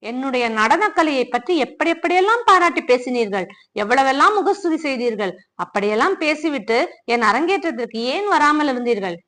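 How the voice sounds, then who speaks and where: A woman's voice: high voice, animated, fairly quick, fairly bright tone. A woman voicing a proud young dancer, hurt and bitterly reproachful, in a storybook reading. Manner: bitter, reproachful, near tears.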